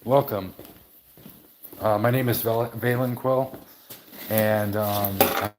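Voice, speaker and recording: A little hiss or hum runs under this man's fairly low, fairly evenly intoned voice as he takes it slowly. Hosting a casual livestream from his game room at home, he greets viewers and rambles through his collection with frequent restarts and self-corrections.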